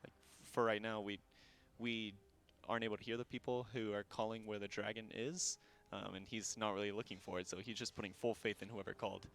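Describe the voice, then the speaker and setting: A man chatting casually as a raid leader on a livestream. He speaks in a somewhat low voice, laid-back and loose, dotted with fillers and easy laughter. The talk is relaxed and unscripted. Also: a little fast, hardly any pauses.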